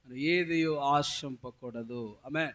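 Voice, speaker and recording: A man preaching a sermon as pastor, calling out with loud emphasis and putting questions to his congregation. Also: mid-range voice, slow.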